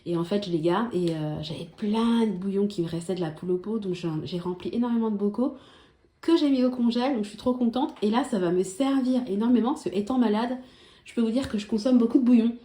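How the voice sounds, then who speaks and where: A woman's voice: mid-range voice, fast, mellow. Chatty woman in an echoey room. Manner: chatty, full of hesitations and asides to viewers. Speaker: vlogger showing her grocery haul. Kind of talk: casual vlog chat. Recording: echoey room with faint noise.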